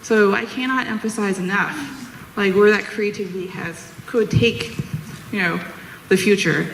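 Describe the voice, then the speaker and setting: A woman's voice: medium pitch, steady tone, moderate pace, vocal fry. A woman in her thirties from the United States gives an informal, upbeat talk to students as a guest engineer, speaking casually. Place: large room or hall, talk to an audience. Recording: roomy echoing hall, faint background noise.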